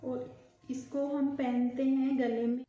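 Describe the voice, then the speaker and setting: A high-pitched woman walks viewers through each piece step by step, unhurried and patient in her pacing. Her voice is mellow and soft-edged, and it rings a little in an echoey room at home. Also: level tone, highs cut off. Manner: slow step-by-step explaining. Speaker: vlogger.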